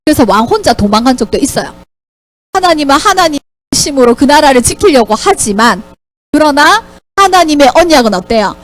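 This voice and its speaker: A woman's voice: sits high, sing-song, a little fast. A woman teaching children a Bible lesson, asking them questions as she tells the story. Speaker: Sunday school teacher.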